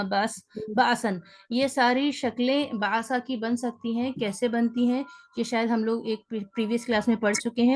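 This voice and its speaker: A woman's voice: fairly high pitch, a little mellow. A woman teaching a beginners' grammar class online, explaining step by step and often checking in with her students.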